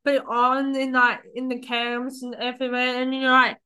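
A woman's voice: sits high, completely flat delivery, normal speed, sharp tone, clear, resonant tone, low-quality recording. A young woman hosting a podcast in casual conversation, rambling with lots of "like" and restarts. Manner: rambling, heavy use of "like" and restarts. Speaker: podcast host.

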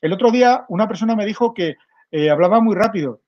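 A middle-aged man with a Spanish accent, giving an energetic online conference talk straight to his audience over a webcam. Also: high voice, fast, highs cut off. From Spain. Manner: energetic, direct, addresses audience as "mirad". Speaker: conference speaker.

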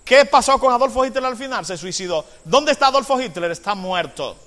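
A man preaching a sermon, moving between hushed asides and loud, drawn-out proclamations, often asking the congregation questions. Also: very high voice, lively intonation. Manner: asks the congregation rhetorical questions. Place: church. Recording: long hall reverb.

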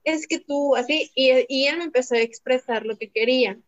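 A woman's voice: sits high, moderate pace. A woman, a teacher and mother chatting casually as a podcast guest and telling anecdotes with light laughs. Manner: talkative, tells anecdotes, laughs lightly while speaking. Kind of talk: casual conversation. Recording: dull lo-fi audio.

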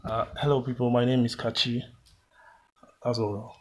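A man with a Nigerian accent and a husky voice, a podcast guest chatting in a laconic, hesitant way. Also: medium pitch, flat delivery, moderate pace, a little mellow. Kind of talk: casual chat.

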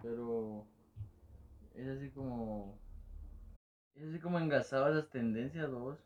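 A young man chatting casually, slangy, with loud bursts of laughter. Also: mid-range voice, measured pace, dull audio. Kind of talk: casual chat.

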